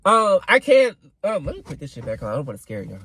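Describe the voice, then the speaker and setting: A young man in his twenties vents to his viewers in a loose, rambling rant, swearing freely. His pitch swings widely as he talks. The sound is dry and close, with no room around it. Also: quick pace, dry recording, poor audio. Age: 20s. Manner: animated and expressive, swearing freely, rambling with fillers. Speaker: vlogger. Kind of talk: casual venting rant to camera.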